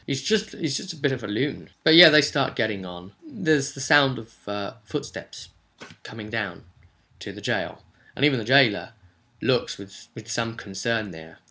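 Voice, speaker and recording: A game master recaps his tabletop role-playing session in a casual, rambling way, his fairly low voice bright and forceful. He's chatty and a bit halting, acting out short snippets of dialogue as he tells the story.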